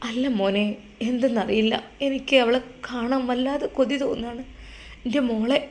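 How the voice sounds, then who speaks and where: A woman's voice: medium pitch, unhurried, lightly acted. A woman voicing a tearful, pleading older mother. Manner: soft, pleading, near tears.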